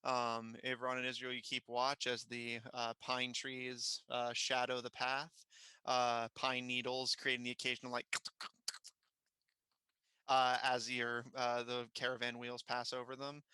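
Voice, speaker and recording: A man narrating a tabletop game as game master, improvising in a halting way as he searches for words. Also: mid-range voice, completely flat delivery, bright, forceful tone, clean tone, no room sound.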